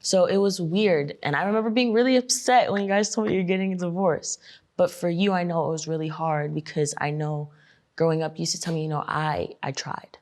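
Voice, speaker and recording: Young woman, low voice, earnest and candid, pace shifts a lot. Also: steady tone, darkish tone. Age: young adult. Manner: earnest, speeds up then slows down. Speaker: podcast host, daughter. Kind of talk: emotional family conversation.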